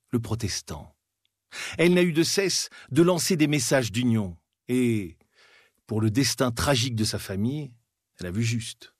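A man giving scripted documentary narration in a measured, dramatic storytelling manner with pauses. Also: mid-range voice, breathy edge, no echo, clean studio sound. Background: faint background music.

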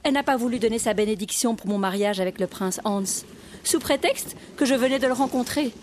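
A woman's voice: on the high side, brisk, slight background noise, natural voice. A woman voicing a spirited young princess who speaks earnestly and insistently, in a storybook recording. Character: spirited young princess searching for her sister. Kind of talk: storybook audio acting. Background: music.

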